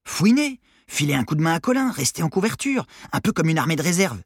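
A man reading an audiobook, voicing a restless, foul-mouthed teenage boy with crude slang and a pushy, excitable way of talking. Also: a little high, fairly quick, husky, no room sound, clean studio sound, pitched above the performer's own voice, heavily acted. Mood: scheming.

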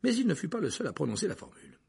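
A man reading an audiobook aloud with dramatic, lively storytelling. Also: high-pitched, very fast, vocal fry, breathy edge. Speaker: audiobook narrator.

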